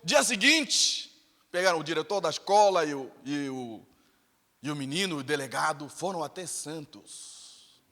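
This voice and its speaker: A man's voice: a little high, animated, a little slow, bright, forceful tone. A Brazilian man preaching a sermon in a church, telling a story with emphatic, repetitive phrasing. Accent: Brazilian Portuguese. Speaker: pastor. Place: church sanctuary. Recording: reverberant church hall.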